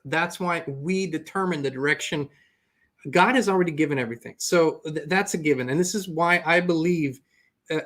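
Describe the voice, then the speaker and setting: A man's voice: on the high side, a bit bright. A man hosting an earnest, reflective spiritual motivational talk. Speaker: host.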